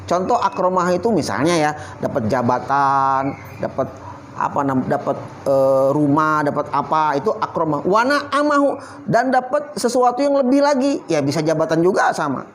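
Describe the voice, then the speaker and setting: A man's voice: fairly high pitch, lively intonation, normal speed, a little hiss or hum. A man teaching a Quran study session, reciting Arabic verses and firing questions at his audience in casual slang. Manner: quizzes the audience with constant questions. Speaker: Islamic religious teacher. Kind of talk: Quran study talk to a youth group.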